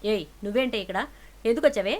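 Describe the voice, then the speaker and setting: A stern middle-aged uncle, suspicious and quick to scold, speaking in a raised accusing voice. A woman narrator voices him in a serial recap. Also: fairly high pitch, lightly acted.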